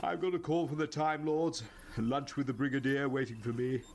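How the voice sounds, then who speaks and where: A man's voice: medium pitch, fairly even intonation, a little fast, noisy background, natural voice. A man playing a jovial, eccentric time-travelling adventurer in an audio drama, with a breezy, theatrical delivery. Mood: breezy, fond. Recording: music under the voice.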